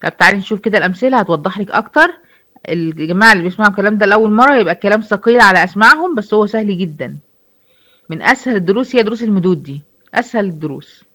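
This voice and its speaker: A woman's voice: mid-range voice, expressive, rapid-fire, pushed and bright. A woman with an Egyptian Arabic accent teaching a recitation class online. She explains step by step, asks her students questions and answers them herself. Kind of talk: online lecture.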